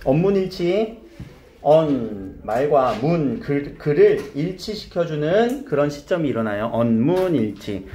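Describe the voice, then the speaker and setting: A man teaching a high school grammar lesson, asking his students questions, coaxing answers and repeating key terms. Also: sing-song, measured pace, mellow, slight background noise.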